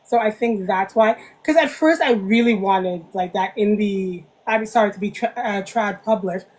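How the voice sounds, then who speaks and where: A woman's voice: mid-range voice, normal speed, a little mellow. A woman author chatting casually as a podcast guest, telling things animatedly and acting out remarks. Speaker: interviewed author. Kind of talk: casual podcast interview chat.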